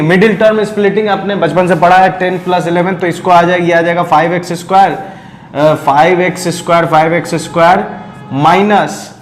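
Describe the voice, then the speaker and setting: High-voiced physics teacher in an echoey room. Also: male voice, slight background noise. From India. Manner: explains step by step, often checks understanding. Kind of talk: recorded classroom lecture.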